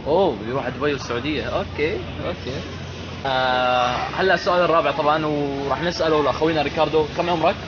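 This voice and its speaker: This teenage boy, speaking with a Levantine Arabic accent, interviews people for his vlog in a playful, casual way, repeating and reacting to what they say. His voice is fairly high and he talks at a racing pace. The recording, made in a noisy urban public place, has its highs cut off.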